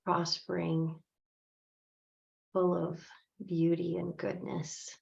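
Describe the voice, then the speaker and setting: A woman coach gently leading a guided visualization story, now and then acting out the characters' lines. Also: fairly low pitch, flat delivery, slow pace, creaky, highs cut off. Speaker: coach trainer.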